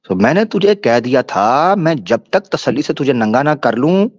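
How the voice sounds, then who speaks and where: A man's voice: mid-range voice, big pitch swings, normal speed, no room sound. A man hosting a live-stream debate, ranting in a taunting, mocking and crude way. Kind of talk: combative live-stream rant. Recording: dull lo-fi stream audio.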